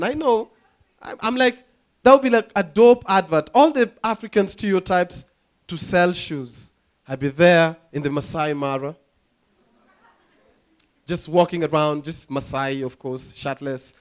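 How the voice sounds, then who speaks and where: A young Kenyan man with a Kenyan accent doing a stand-up comedy set, telling animated stories, acting out voices and laughing at his own jokes. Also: a little high. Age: young adult. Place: comedy club stage.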